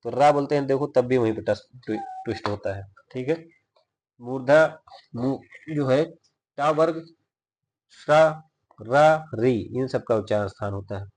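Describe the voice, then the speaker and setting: Guy teaching pronunciation, says each syllable slowly and checks in a lot, regular mid voice. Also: mid-range voice, a little mellow. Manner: demonstrates sounds by repeating syllables slowly; explanatory, checks in with "theek hai". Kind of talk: Hindi grammar lesson.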